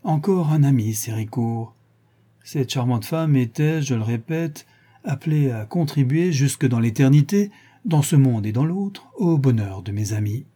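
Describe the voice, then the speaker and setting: A man narrating a literary tale in a measured, gently ironic reading. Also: mid-range voice, animated, breathy edge. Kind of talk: audiobook narration.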